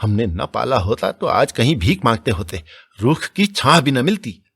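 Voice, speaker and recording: A man voicing a fierce, sharp-tongued middle-aged village woman who scolds and wails in a high, strained voice. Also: sing-song, moderate pace, vocal fry, slightly rough, heavily acted. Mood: scornful. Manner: shrieking, scolding, wailing.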